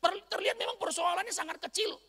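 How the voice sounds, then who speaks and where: A man from North Sumatra preaching an animated storytelling sermon to a church congregation. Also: extremely high pitch, fast talker, gravelly. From Batak, North Sumatra, Indonesia. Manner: animated storytelling, bursts into shouts and laughter. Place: large church hall. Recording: long church-hall reverb.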